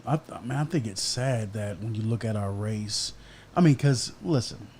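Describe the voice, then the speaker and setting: A man's voice: on the low side, moderate pace, darkish tone. A young man from Kansas, a podcast guest, telling stories casually and checking in with "okay?" and "right?". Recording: faint background noise.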